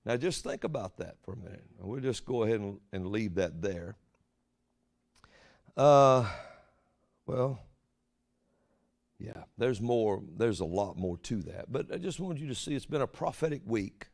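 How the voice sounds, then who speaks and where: A man's voice: on the low side, lively intonation, measured pace, vocal fry, long pauses, darkish tone. A man preaching an informal prophetic sermon in a folksy, rambling way, often putting rhetorical questions to his listeners.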